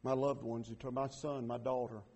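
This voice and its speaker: A middle-aged man preaching a sermon, swinging between loud emphatic declarations and quiet earnest appeals. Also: mid-range voice, level tone, normal speed, slight background noise.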